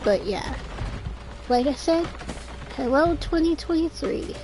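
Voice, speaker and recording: A woman in her twenties, streaming a game with music playing, rambles in casual commentary and keeps trailing off and restarting. Her voice sits high and is expressive yet slow, with a dry, slightly scratchy throat.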